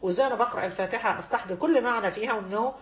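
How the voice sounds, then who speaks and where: A woman's voice: a little high, very fast. An Egyptian woman teaches a religious lesson to women at a racing clip, pressing her points with emphatic repetition. Her voice rings in an echoey room. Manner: emphatic, repeats key phrases.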